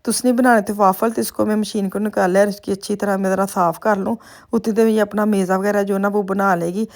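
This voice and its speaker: Middle-aged woman, Punjabi accent, mid-pitched voice, rambling and homely vlog narration. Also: fairly even intonation, quick pace. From Pakistan. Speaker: vlogger. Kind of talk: casual vlog voice-over.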